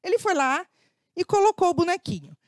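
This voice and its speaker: With a very high-pitched, lively voice and a brisk delivery, a middle-aged woman from Brazil gives a lecture as a guest speaker and educator, her Brazilian Portuguese accent clear. She tells personal stories conversationally, tosses in frequent tag questions and performs quoted dialogue, all recorded at studio quality with no echo.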